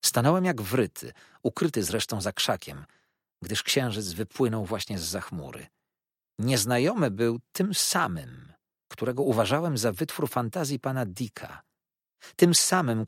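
A man narrating a classic novel as an audiobook, reading in a measured, expressive way. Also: on the low side, slightly rough, no room sound, clean studio sound.

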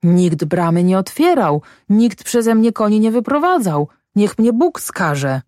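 A woman's voice: sits low, big pitch swings, normal speed, a little mellow, no room sound, studio quality. A woman reading aloud, voicing a sick and bewildered male farmhand who pleads his innocence.

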